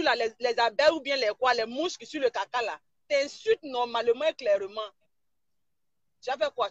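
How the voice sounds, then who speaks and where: A woman's voice: fairly high pitch, dry recording, dull audio. A woman blogger, ranting mockingly and insulting someone during a live stream. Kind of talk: live-stream gossip rant.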